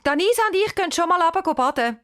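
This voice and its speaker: A woman with a Swiss German accent voicing an excited, anxious schoolgirl in a storybook, talking high and breathless. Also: fast. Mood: determined. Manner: breathless, high, urgent shouts. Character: excited anxious schoolgirl Cheyenne, about ten.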